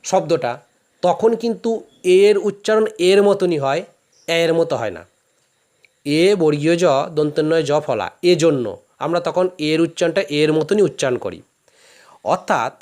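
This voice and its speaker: A man's voice: sits high, a little mellow. A male teacher with a Bangladeshi Bengali accent giving a classroom lecture, explaining patiently step by step with examples.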